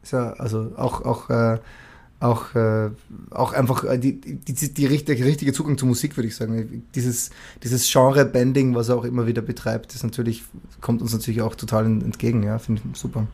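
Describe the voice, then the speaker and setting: A man's voice: mid-range voice, flat delivery, brisk, creaky, darkish tone, slightly rough. A man, a musician guest, talking casually and thinking aloud with frequent restarts. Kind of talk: casual conversation.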